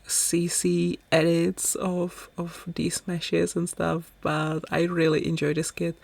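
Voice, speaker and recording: A Czech woman with a low, gravelly voice speaks slowly in casual voice-over commentary. She's a gaming YouTuber, and her manner is chatty, rambling, and self-deprecating.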